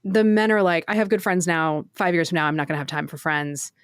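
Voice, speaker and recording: A woman co-hosting a casual podcast discussion, animated and quick to laugh, acting out quoted answers. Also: lowish voice, clean tone, no room sound, clean studio sound. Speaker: podcast co-host.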